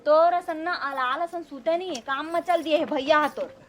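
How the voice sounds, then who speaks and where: A woman's voice: high voice, moderate pace, background noise, lightly acted. A woman with a Chhattisgarhi accent playing an exasperated, sarcastic village sister-in-law who nags in a broad comedy skit. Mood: exasperated, scolding. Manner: nagging, sarcastic. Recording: loud music behind dialogue.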